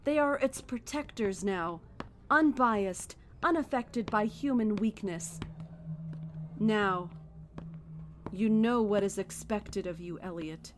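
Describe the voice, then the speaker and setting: With calm zeal, a woman plays a serene yet fanatical cult leader in a horror audio drama, her preaching measured and solemn. She speaks at a medium pitch in a natural voice, with slight background noise.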